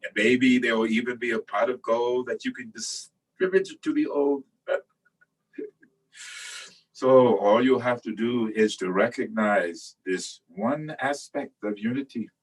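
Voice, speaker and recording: A man giving a calm, meditative Buddhist teaching, guiding listeners with pauses. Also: mid-range voice, husky. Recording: distant mic with faint ambient noise.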